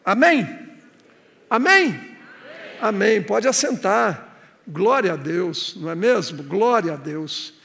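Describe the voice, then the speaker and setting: A man with a Brazilian Portuguese accent preaching a sermon to a church congregation, swinging between hushed prayer and shouted exhortation. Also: high-pitched, big pitch swings, slow pace, vocal fry, long pauses, big-room sound. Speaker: pastor.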